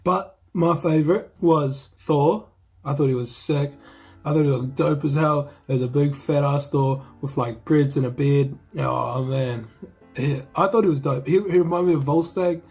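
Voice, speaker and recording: A man's voice: fairly high pitch, normal speed, a little mellow, husky, soft background music. A man with a New Zealand accent, chatting casually and slangily about a film he reviewed. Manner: laid-back, slangy, rambling with restarts. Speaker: movie reviewer. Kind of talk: casual chat.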